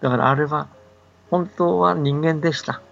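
Over soft background music, an older male folktale scholar talks at a normal speed in a gravelly, slightly bright voice pitched on the high side. His radio talk is casual and patient, and he often makes sure the listener is with him. The recording sounds dull and band-limited, with a little background noise.

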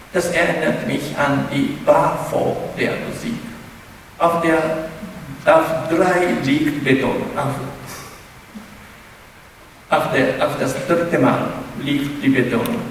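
A man's voice: fairly high pitch, vocal fry, a little hiss or hum. A man giving a spoken lecture, hesitant and often restarting his words. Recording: echoey hall, mic far off.

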